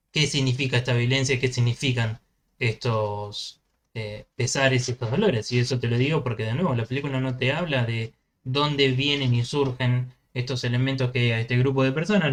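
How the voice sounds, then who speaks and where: A man's voice: medium pitch, fairly bright tone. A man with a mid-range voice co-hosts a casual podcast about films. He presses his partner with probing questions. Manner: probing, asks pointed questions. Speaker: podcast co-host. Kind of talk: casual film discussion.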